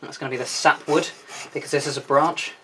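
A man's voice: on the high side, fairly even intonation, brisk, very noisy. A man hosting a casual woodworking how-to. He is chatty and self-deprecating, and he explains each step as he works in his home workshop. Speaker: woodworking video host.

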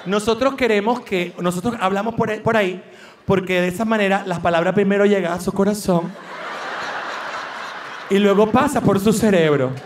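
A man's voice: high voice, normal speed, a little hiss or hum. A Venezuelan man doing live stand-up comedy, telling stories animatedly and acting out the people in them. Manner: animated storytelling with voices. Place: large live venue. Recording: echoey live venue from far off.

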